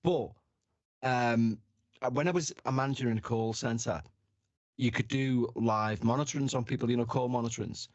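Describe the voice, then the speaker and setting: A man's voice: mid-range voice, normal speed, darkish tone, dry recording, lo-fi sound. A man telling anecdotes in casual chat, acting out the quotes and swearing casually. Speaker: podcast guest or host.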